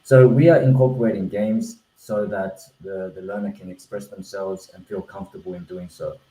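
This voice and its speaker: A deep, mellow male voice with fairly even intonation and a moderate pace comes through a video call with roomy echo. The speaker is an Australian founder, a native Korean speaker, presenting a language-learning platform in a webinar. Earnest in manner, he keeps restarting and dropping in fillers.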